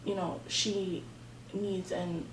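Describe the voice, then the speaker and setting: Slow and flat in delivery, her medium-pitched voice belongs to a woman in her twenties running a student group meeting. Her tone is earnest and prayerful, full of filler words, and the room sounds echoey, with a faraway mic and background noise.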